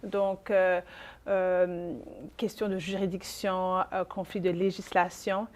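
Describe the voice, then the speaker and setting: A woman in her forties with a Quebec French accent, a lawyer speaking as a guest in an interview, measured and with frequent hesitations. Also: fairly low pitch, flat delivery, a little mellow. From Haiti. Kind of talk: conversational interview.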